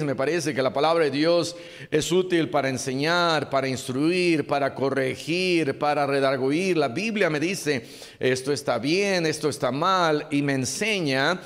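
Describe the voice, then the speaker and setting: Earnest pastor in a reverberant church. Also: male voice, a little high, measured pace, a bit bright. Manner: earnest, exhorting, repeats key phrases. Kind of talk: sermon. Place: church hall.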